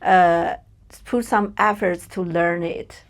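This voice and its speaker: A woman with a lowish voice and steady tone talks slowly as a guest in a personal podcast interview. She is from China, speaks Chinese natively and has a Chinese accent, and she hesitates and gropes for words, using many fillers.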